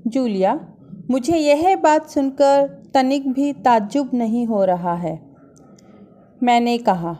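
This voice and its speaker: In an online class recording, a woman school teacher reads a story to her pupils in a warm, fairly high voice, taking it slowly. She acts out the dialogue, then retells the story in simple words.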